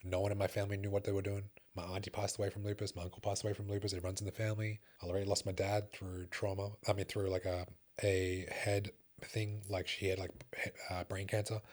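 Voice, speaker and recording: Low-voiced man, swearing storyteller. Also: flat delivery, fast, a little mellow. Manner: emotional storytelling with frequent swearing. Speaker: fitness coach. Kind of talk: casual podcast conversation.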